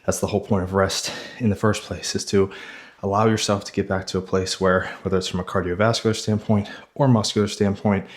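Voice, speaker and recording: A man's voice: low voice, level tone, brisk. Breathless man coaching a workout. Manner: counts reps aloud, trailing off breathy mid-set. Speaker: fitness coach. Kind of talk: follow-along workout instruction.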